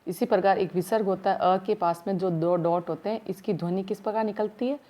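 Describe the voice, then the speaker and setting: A woman teaching primary school grammar in a slow, step-by-step way, asking her class questions as she goes, with words her speech. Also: medium pitch, steady tone, dark tone. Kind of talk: recorded grammar lesson.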